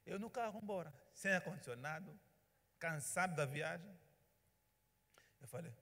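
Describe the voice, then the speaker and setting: A male pastor tells a story during a sermon in a church hall, animatedly acting out the dialogue. His voice is a little high and moves at a moderate pace. The hall's reverberation is audible in the recording.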